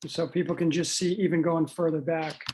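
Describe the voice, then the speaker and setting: A man's voice: on the high side, steady tone, normal speed, darkish tone, a little hiss or hum. A man hosts an online school athletics panel. He introduces guests with eager praise and talks with plenty of "uh"s. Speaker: dean of athletics, event host.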